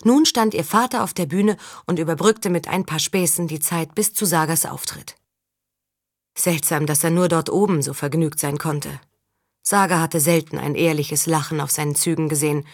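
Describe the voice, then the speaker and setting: A woman reading a historical novel aloud in calm, even storytelling. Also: low-pitched, normal speed, no echo, clean studio sound. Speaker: audiobook reader. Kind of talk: scripted narration.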